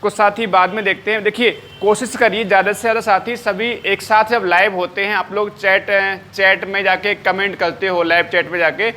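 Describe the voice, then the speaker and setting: A man's voice: high voice, little pitch movement, moderate pace, hardly any pauses, pushed and bright, slight background noise. A man teaching a live online maths class, repeating each point and checking often whether students follow.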